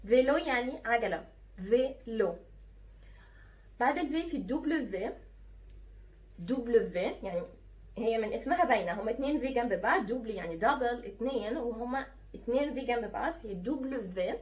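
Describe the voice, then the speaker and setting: A woman with an Egyptian accent teaches in a patient, careful way, sounding out letters one by one and saying each sound again. Her voice sits a little high. She is heard from a bit away from the mic. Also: lively intonation, distant mic. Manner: patient, spells out letters slowly and repeats sounds. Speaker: French teacher. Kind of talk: teaching lesson.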